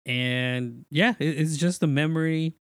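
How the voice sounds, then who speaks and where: A man's voice: a little high, unhurried, clear, resonant tone, dry recording, studio quality. Casual, slangy man telling personal stories. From Mexico. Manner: informal, slangy, quotes himself while telling stories. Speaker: podcast guest. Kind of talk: casual chat and personal storytelling.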